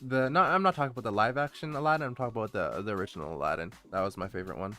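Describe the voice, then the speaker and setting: A VTuber introduces his channel while chatting casually on a livestream from an indoor setup, rambling, hesitating and easily distracted as he answers viewers. His lowish voice races, pushed and bright, with faint music behind it.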